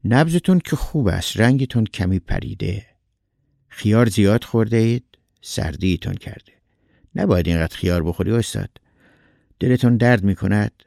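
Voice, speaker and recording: A man's voice: on the low side, lively intonation, gravelly, darkish tone, dry recording, studio quality. A man voicing a polite, fussing middle-aged male neighbor in a read-aloud story. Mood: concerned. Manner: courteous, fussing, quick to reassure.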